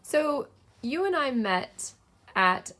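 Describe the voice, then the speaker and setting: A woman's voice: sits high, very animated, slow, pushed and bright. A woman hosting an interview, asking questions and reacting with encouragement. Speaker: interviewer host.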